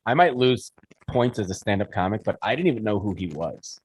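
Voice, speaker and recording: A man's voice: fairly low pitch, expressive, fairly quick, a little mellow, slightly rough, low-quality recording. Laughing male comic on a podcast. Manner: laughs often, rambling anecdotes with acted-out quotes. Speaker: podcast co-host, stand-up comic. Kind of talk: casual comedy podcast chat.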